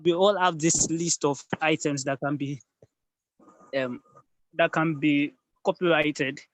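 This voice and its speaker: A man presents over a video call, pausing often with ums as he searches for words. His voice sits a little high, and the sound is dry and close. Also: fairly even intonation, no room sound, rough recording. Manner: hesitant, many ums. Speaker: mentee presenter. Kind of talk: online meeting presentation.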